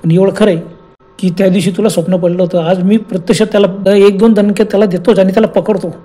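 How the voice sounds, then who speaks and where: A stern old father in his sixties barks orders in a spoken horror tale, played by a man. His voice is high and husky and his manner is angry and commanding. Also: steady tone, quick pace, dark tone. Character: stern retired father over sixty.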